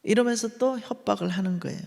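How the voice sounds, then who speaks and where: A woman's voice: medium pitch, quick pace, vocal fry, dark tone, big-room sound. A middle-aged woman giving a testimony sermon at a church revival meeting, telling her story animatedly and acting out the voices of others. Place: church sanctuary.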